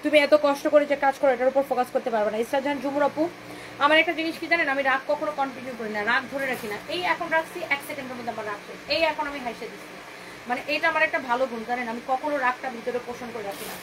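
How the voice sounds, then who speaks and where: A woman hosting a live clothing sale, talking in a chatty, repetitive sales pitch, slipping English phrases in and bantering with viewers' comments. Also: racing, background noise.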